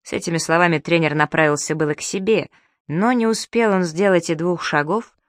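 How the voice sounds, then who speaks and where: A woman reading a children's audiobook in an even storytelling manner. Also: on the low side, dry recording, clean studio sound. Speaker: narrator. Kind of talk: audiobook narration.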